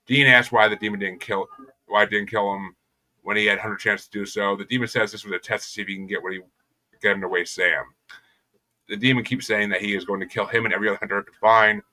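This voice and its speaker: A man's voice: lowish voice, sharp tone, low-quality recording. A young adult man casually recapping a TV episode as a podcast co-host, tossing in crude jokes. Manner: crude, joking retelling of plot.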